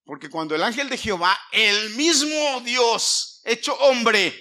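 A male pastor preaching a sermon to his congregation. He asks the listeners questions and swings from loud emphatic lines to quiet asides. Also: very high-pitched, animated, unhurried. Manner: asks the congregation questions, sings snatches of a hymn.

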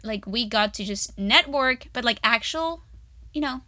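A woman's voice: on the high side, lively intonation, measured pace, bright, forceful tone, dry recording. A young woman co-hosting a student podcast, chatting in a bubbly, gushing way full of fillers. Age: young adult. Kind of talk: casual chat.

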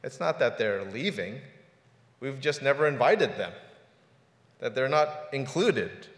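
Preaching in a church sanctuary, a forty-something pastor keeps his sermon casual and chatty, repeating words often. His mid-range voice is very animated and fairly bright, yet unhurried, with roomy hall reverb around it.

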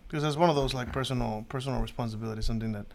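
A man's voice: medium pitch, very fast, creaky, darkish tone, a little hiss or hum. A man co-hosting a casual podcast, talking in a loose, rambling way with lots of restarts and the odd swear word. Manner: rambling, many restarts and fillers, swears freely. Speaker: podcast co-host.

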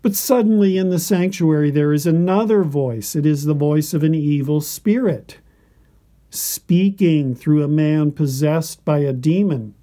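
A man giving a scripted devotional narration in a slow, deliberate and reverent manner. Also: a little high, mellow.

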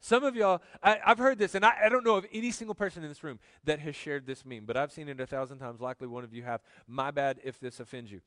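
A man preaching a sermon as pastor, animated, swinging from loud emphasis to quiet joking asides. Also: medium pitch, quick pace, hardly any pauses, dry recording.

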